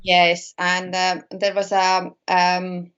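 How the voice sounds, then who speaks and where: This native Latvian-speaking woman talks slowly and in a monotone, her lowish voice smooth and fairly bright on a lo-fi recording. As a guest medium and shamanic practitioner in a relaxed video-call interview, she chats about mediumship while hesitating, restarting, and filling gaps constantly.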